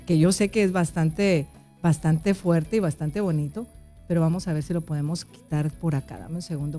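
A woman hosting a live online interview, talking in a warm, chatty way and often repeating herself. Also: lowish voice. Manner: warm, chatty, repeats herself while fixing tech trouble. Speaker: host.

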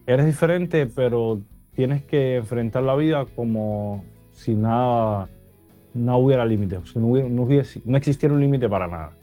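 A man, giving earnest, halting interview answers full of restarts. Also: mid-range voice, mellow. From Cuba. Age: 30s. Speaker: guest.

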